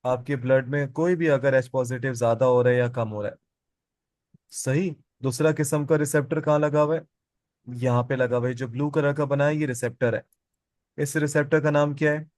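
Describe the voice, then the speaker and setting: A male biology teacher, speaking at a middle pitch and lecturing to a classroom. He puts questions to the students and then answers them himself, saying each key term twice. The sound is close and dry. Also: steady tone, moderate pace, darkish tone, no room sound.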